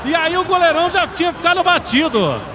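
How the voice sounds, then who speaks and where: A Brazilian man shouting exclamatory football goal commentary. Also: extremely high pitch, animated, a little fast. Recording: noisy stadium with crowd behind. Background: crowd and noise.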